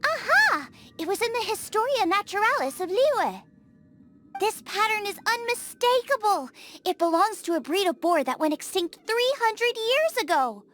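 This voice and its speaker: Xiangling, bubbly young chef. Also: female voice, very high voice, normal speed, heavily acted. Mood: eager. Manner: bubbly, excitable about ingredients. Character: young girl chef, cheerful food-obsessed adventurer. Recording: game audio with loud music.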